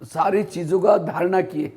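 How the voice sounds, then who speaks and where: A man gives a Hindi spiritual discourse as a class, telling anecdotes and posing rhetorical questions he then answers himself. His voice is high-pitched and a little mellow, with a steady tone at normal speed.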